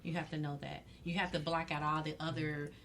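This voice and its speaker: A woman's voice: sits low, level tone, a little fast, background noise. A woman moderating a casual group discussion.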